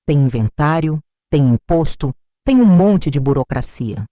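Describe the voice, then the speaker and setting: A woman with a Brazilian accent voicing a smooth, insistent nephew who coaxes an older relative. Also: sits low, animated, unhurried, dark tone, no room sound, clean studio sound, pitched below the performer's own voice. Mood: coaxing. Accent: Brazilian Portuguese. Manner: coaxing, insistent. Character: middle-aged male nephew, smooth persuader.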